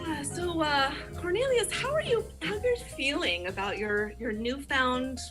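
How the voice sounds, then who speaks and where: A woman's voice: high-pitched, expressive, a little slow, music in the background. A woman playing an eager, fussy housemate in an improv comedy scene, hesitant and full of fillers.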